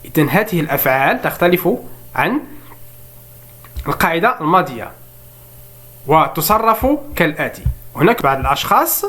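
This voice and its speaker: A man with a slightly high voice teaches French conjugation, explaining in Arabic at an easy clip. He slows right down to pronounce each French verb form carefully, one by one, like a drill. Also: big pitch swings, fairly bright tone. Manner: slow, deliberate spelling-out of French verb forms between quicker Arabic explanation. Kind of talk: bilingual grammar lesson.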